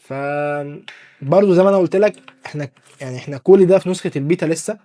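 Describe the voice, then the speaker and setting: A man with an Egyptian Arabic accent hosting a casual, joking software tutorial and talking straight to the viewer. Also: fairly high pitch, quick pace. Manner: chatty, joking, addresses viewer as dear artist. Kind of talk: casual screen-recorded tutorial.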